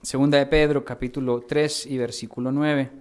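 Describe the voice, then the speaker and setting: A man from Mexico, a pastor preaching a teaching sermon, spelling out words slowly and putting questions to his congregation. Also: mid-range voice, flat delivery, a little mellow, clean tone. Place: church hall.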